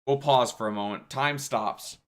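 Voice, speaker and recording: A young man runs a tabletop game, narrating the scene and calling for rolls. He talks in a halting way, full of fillers and restarts, at a middling pitch. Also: clear, resonant tone. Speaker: game master.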